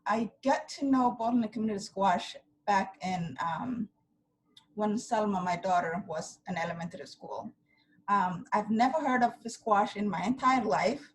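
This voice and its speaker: A woman's voice: medium pitch, rough recording. Mother sharing heartfelt testimony. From Somalia. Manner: heartfelt, with frequent "um" pauses. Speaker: parent. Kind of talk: personal testimony at a community meeting.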